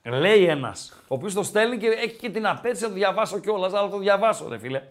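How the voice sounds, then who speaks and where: A podcast host leads a relaxed football chat show, his high voice swinging widely as he talks. He tends to repeat his own phrases and reads out viewer messages in an animated, chatty style.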